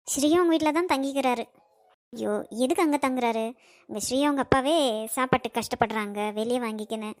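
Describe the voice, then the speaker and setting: A worried old grandmother who fusses and scolds, speaking with a Kanyakumari Tamil accent, as a woman voices her for a homemade cartoon. Her voice sits high, and the recording is dry and close. She pleads and nags by turns. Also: no echo, lightly acted. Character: worried elderly grandmother, fussing and protective. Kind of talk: amateur cartoon voice acting.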